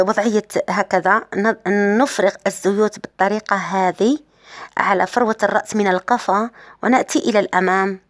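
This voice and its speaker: A woman's voice: medium pitch, no echo, studio quality. A woman from Algeria with an Algerian Arabic accent, hosting a casual at-home hair care tutorial and explaining each step, often repeating and rephrasing her points. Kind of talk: casual how-to demonstration.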